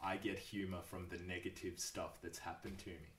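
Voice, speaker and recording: A man's voice: low-pitched, flat delivery, moderate pace, echoey room, far from the mic, noisy background. A man talking casually as a podcast guest. He swears freely and laughs often. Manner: laid-back, swears a lot, laughs often. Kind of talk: casual chat.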